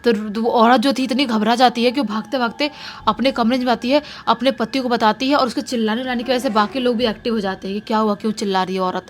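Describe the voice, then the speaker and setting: A woman's voice: fairly high pitch, slight background noise. Woman telling a horror story casually. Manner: conversational, repeats for emphasis.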